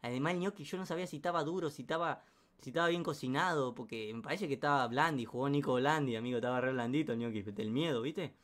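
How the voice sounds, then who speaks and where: A man with an Argentine Rioplatense accent telling a comic anecdote in a slangy, animated way, full of sound effects and asides. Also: medium pitch, fast. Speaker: storyteller.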